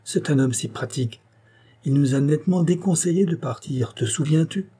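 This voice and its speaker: A man's voice: fairly high pitch, normal speed, dark tone, slightly rough, pitched above the performer's own voice. A man voicing an anxious, earnest young newlywed husband.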